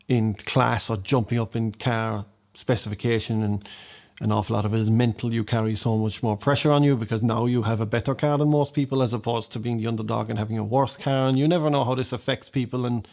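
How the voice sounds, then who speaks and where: A man's voice: medium pitch, fairly even intonation, a little fast, a little mellow. A man reflecting on a driver's talent in a documentary interview, often restarting phrases. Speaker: interviewee in motorsport.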